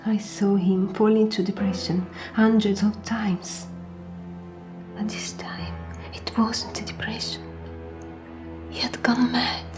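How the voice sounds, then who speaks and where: An actress in her forties playing a grieving sister and widow in a horror film, talking in a weary, quiet voice that often drops to a half-whisper. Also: medium pitch, level tone, slow, long pauses, over music, natural voice. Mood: sombre. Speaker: film character, older sister. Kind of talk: film acting.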